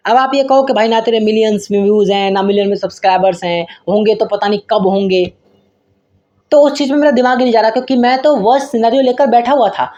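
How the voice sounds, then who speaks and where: A man with an extremely high, slightly mellow voice gives casual career advice straight to camera in a raw, unedited video, joking, using slang, and calling his viewers brother. He's self-deprecating and rambles with restarts. The highs in the audio are cut off.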